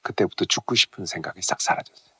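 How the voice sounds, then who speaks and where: A middle-aged male pastor preaching a dawn sermon. He tells a story with lively emphasis and often drops to a hushed, near-whispered delivery. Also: fast talker. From South Korea.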